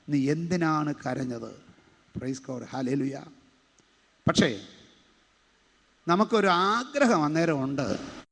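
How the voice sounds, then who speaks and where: A man pastor preaching a sermon in a church, breaking in often with "praise God, hallelujah". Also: fairly high pitch. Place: church sanctuary. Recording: long hall reverb from a church live stream.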